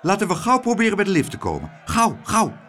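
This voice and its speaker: A man voicing a flustered, fussy older woman who talks in a shrill, hurried way. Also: very animated, fairly bright tone. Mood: urgent.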